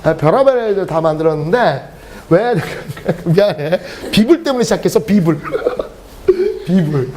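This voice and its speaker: Animated, high-pitched male English teacher. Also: takes it slowly, slight background noise. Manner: animated, joking, often laughing mid-sentence. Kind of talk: lecture with humorous storytelling.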